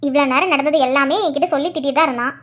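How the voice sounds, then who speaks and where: A woman's voice: high voice, fairly bright tone, muffled recording. A woman voicing a sly, defensive, scheming aunt in a family cartoon. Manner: sly, self-pitying, quick. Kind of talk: cartoon voice acting.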